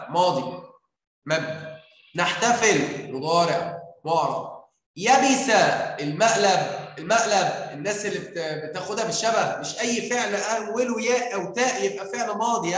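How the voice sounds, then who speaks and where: High-voiced Egyptian man teaching in an echoey room. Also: a bit bright, a little hiss or hum. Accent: Egyptian Arabic. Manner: coaxing, quizzing pupils with questions. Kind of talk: grammar lesson explanation.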